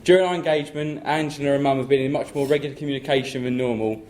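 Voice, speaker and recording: A young man from England, speaking as the groom at his wedding reception, joking and then thanking family warmly. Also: mid-range voice, fairly even intonation, very fast. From southern England. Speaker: groom giving a wedding speech. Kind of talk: wedding speech to guests. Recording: loud crowd and noise at a reception. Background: laughing guests.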